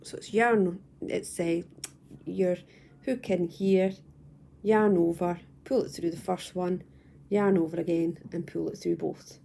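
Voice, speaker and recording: Young woman, low mellow voice with gravel, patient step-by-step crochet tutor, talks at home. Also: a little slow, a little hiss or hum. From United Kingdom. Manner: calm, patient, repeats and restarts phrases. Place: at home, indoors.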